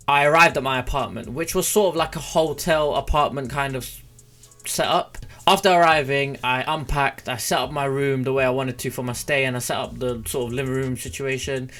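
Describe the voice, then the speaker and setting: British male vlogger, twenties, casual storytelling, informal and chatty, close mic, medium pitch. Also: fairly bright tone. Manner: informal, chatty, mildly sweary. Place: small room at home, indoors. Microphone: close desk mic with foam cover on a boom arm.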